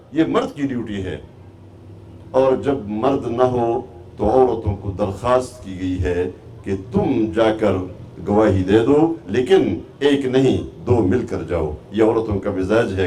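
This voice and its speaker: Man preaching with lively rhetorical questions. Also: mid-range voice. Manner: rhetorical questions to the audience, rising emphasis. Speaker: religious teacher. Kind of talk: Islamic lecture to a class. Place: class hall.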